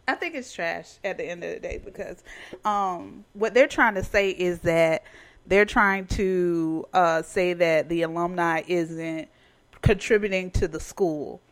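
A woman's voice: lowish voice, measured pace. A woman dropping in as a guest on a home podcast, giving blunt, scornful opinions. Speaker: impromptu guest. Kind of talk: casual chat.

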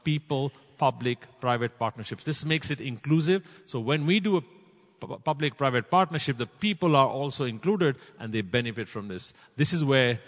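A man's voice: mid-range voice, expressive, normal speed, fairly bright tone. A man giving persuasive panel remarks, stressing and repeating his key phrases. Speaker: panel speaker. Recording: reverberant conference hall.

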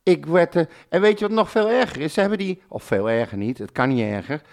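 A man's voice: a little high, very animated, fast, vocal fry, darkish tone. An older man ranting bluntly in a casual podcast chat, swearing and getting worked up. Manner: blunt, swearing, fired-up rants. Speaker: podcast co-host, football fan.

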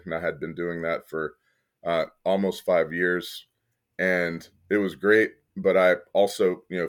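A deep-voiced arts director from Kentucky appears as a podcast guest in a casual interview conversation. He is relaxed and thoughtful but halting, with many fillers and restarts and occasional laughs.

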